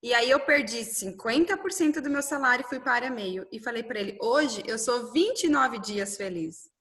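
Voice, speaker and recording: A woman tells her own story in an interview. Her voice sits a little high. She keeps it animated, voices the dialogue herself, and checks in often with "né?". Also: normal speed. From Brazil. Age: 30s. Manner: animated, quotes dialogue, frequent "né?".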